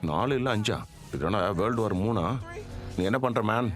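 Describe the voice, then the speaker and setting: A man's voice: fairly low pitch, expressive, moderate pace, soft background music, natural voice. A man playing a joking, laid-back agent in a dubbed action comedy. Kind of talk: dubbed movie dialogue.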